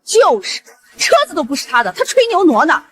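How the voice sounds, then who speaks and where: A woman's voice: high voice, very animated, brisk, fairly bright tone. An actress in her fifties playing a pushy village mother who nags and scolds. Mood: scolding. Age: 50s. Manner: nagging, scolding. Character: shrill, pushy middle-aged village mother. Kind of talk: short drama acting.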